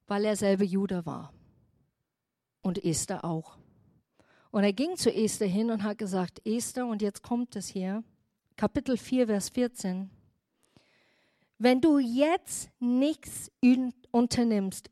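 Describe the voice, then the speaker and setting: A woman pastor giving a sermon who retells Bible stories in a lively, emphatic way. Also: medium pitch, dry recording, clean studio sound.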